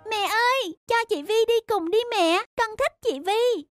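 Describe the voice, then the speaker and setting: A very high, small voice of a timid, mischievous little boy in a children's cartoon, put on by a voice actor. He talks in a pleading, childlike way. Faint background music plays underneath. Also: measured pace, a bit bright. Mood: eager.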